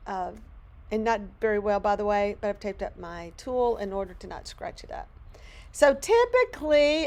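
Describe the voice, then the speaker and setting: A middle-aged craft channel host from Louisiana rambles through her project, chatty and poking fun at herself, as if talking with friends in a cluttered home studio. Her voice is fairly high, hoarse and worn, sounding close to giving out. It's casual crafting narration.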